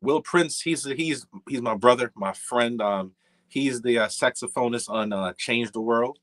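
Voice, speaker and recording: A middle-aged Jamaican jazz musician, speaking with a Jamaican accent, chats as a guest in a casual interview. His mid-range, fairly bright voice is unhurried, and he rambles easily with many fillers and restarts.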